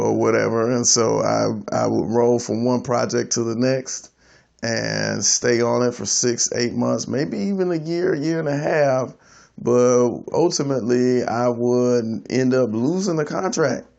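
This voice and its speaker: A man who works as a freelance IT consultant, sharing his story in a reflective monologue, halting and repeating words as he goes. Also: mid-range voice, vocal fry, darkish tone, dull audio.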